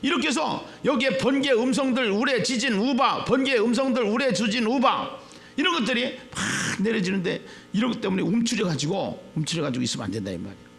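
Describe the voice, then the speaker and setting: Preaching man with a gravelly, bright voice. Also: expressive, fairly quick. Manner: swings from low murmurs to shouted emphasis; repeats phrases for emphasis. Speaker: pastor. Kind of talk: sermon.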